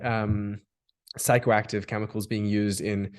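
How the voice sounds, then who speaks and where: Speaking a little slowly in a low, level voice with a clean tone, this Australian guest reflects at length in a discussion. He frequently repeats words and starts over while constructing long sentences.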